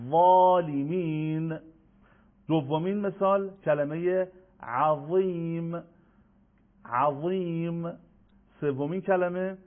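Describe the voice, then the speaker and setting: Male recitation teacher, radio lesson, step-by-step explaining, stretched-out demo sounds, fairly high voice, thin phone-like sound.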